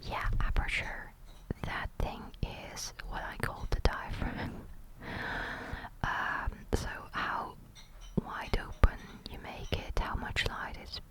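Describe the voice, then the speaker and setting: A woman's voice: slow, low-quality recording. A woman whispering through an ASMR show-and-tell of a camera, hesitant and often searching for the right word. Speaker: ASMR host.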